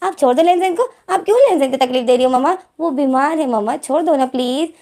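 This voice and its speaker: A woman voicing a young man who scolds and urgently hushes his partner in a told fanfiction story. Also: high-pitched, lively intonation, quick pace, voice pushed up. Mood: urgent scolding. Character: young man, bossy protective brother figure.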